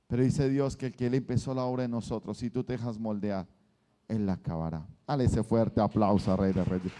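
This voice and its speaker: A male pastor preaching a sermon, telling stories with energy and firing questions at the congregation. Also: medium pitch. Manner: animated storytelling preacher quizzing the congregation.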